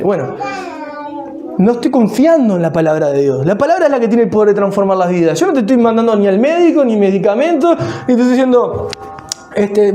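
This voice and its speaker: A man's voice: extremely high pitch, dark tone. A man with a Rioplatense Spanish accent preaching a sermon as a pastor, emphatic and repetitive, firing rhetorical questions at the congregation. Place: church sanctuary. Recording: echoey church hall.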